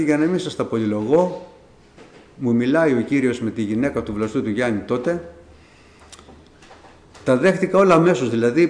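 A man's voice: medium pitch, darkish tone. A middle-aged man telling his personal faith testimony to a congregation in a conversational, storytelling way, acting out the dialogue he recalls. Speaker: church member giving testimony. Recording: echoey room.

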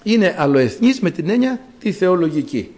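A man preaching a sermon as a priest, with dramatic rises and drawn-out words. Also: high-pitched, sing-song, a little mellow.

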